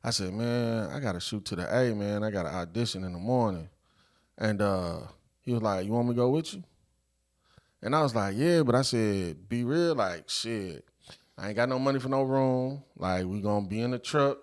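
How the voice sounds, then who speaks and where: A man's voice: on the low side, animated, normal speed. Laid-back man telling a story. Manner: laid-back, loose slang, tells stories. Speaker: podcast host. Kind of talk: casual storytelling chat.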